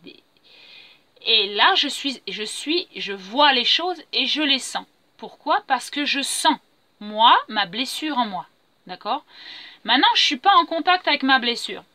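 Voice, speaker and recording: This middle-aged vlogger speaks a little slowly and with animation, her high-sitting voice bright and forceful on a dry recording. She dwells earnestly on her feelings, repeating and affirming herself throughout an unplanned spiritual talk about personal growth.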